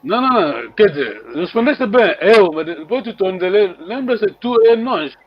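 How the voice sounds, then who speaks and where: A man's voice: high voice, very animated, slightly rough, highs cut off. Patient man teaching a language online. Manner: patient, repeats words slowly for students.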